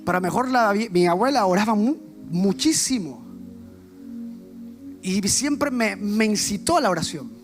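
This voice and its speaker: A man's voice: sits high, animated, measured pace. A man preaching a sermon in a passionate, direct way, speaking straight to the listener. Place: church. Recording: with background music. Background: music.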